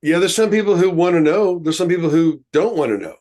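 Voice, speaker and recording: A man co-hosts a casual talk show, with a voice a little higher than most men's. He tells folksy stories in a rambling way, full of fillers and restarts. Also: fairly quick, darkish tone. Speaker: co-host. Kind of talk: casual podcast chat.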